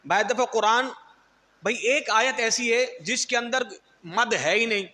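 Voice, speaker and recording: A man's voice: very high voice, bright, forceful tone, long reverb tail. A man preaching a sermon, telling stories and acting out quotes and other people's mannerisms. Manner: storytelling, acts out quotes and mocks others' styles. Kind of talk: Urdu sermon.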